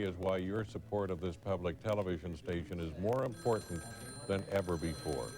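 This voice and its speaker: Low-voiced man hosting a television pledge drive. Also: darkish tone. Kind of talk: public television pledge appeal, semi-scripted ad-lib.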